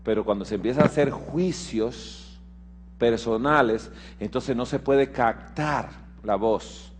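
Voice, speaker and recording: A man giving a sermon mixed with a medical lecture, explaining step by step and checking that listeners follow, moving between emphatic raised passages and quiet low asides. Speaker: preacher and physician.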